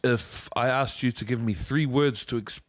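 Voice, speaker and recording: A man's voice: medium pitch, normal speed. A man hosting a casual chat and asking plenty of questions. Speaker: host.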